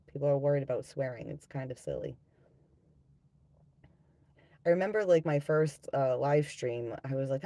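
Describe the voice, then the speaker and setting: A man with a relaxed, mellow voice hosts a casual live stream. His voice is gravelly and full of fry, like a long-time smoker's. He talks bluntly and conversationally to viewers and swears freely. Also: fairly high pitch, no echo. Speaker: live stream host and tarot reader.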